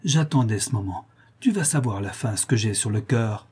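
A man doing a grim old widow in a storybook reading. She speaks with cold menace in a dark, husky voice. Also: fairly low pitch, expressive, a little fast. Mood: menacing. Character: hard, impassive old widow, full of hatred.

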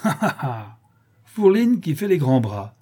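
A man's voice: medium pitch, moderate pace, dark tone, close to an everyday voice. A man reading aloud and voicing a spiteful, mocking one-eyed old woman crook. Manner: mocking, wheedling, sneering.

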